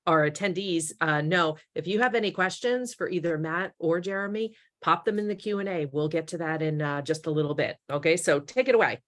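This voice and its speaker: A woman moderating a webinar, making quick, friendly handoffs with a few fillers. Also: lowish voice. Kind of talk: casual webinar hosting.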